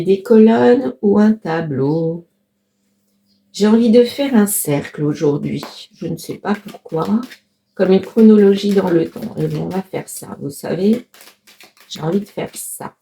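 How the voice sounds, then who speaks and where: A woman's voice: medium pitch, warm tone, slight background noise. A middle-aged woman doing a casual card reading, chatty and thinking aloud with many fillers. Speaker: tarot card reader.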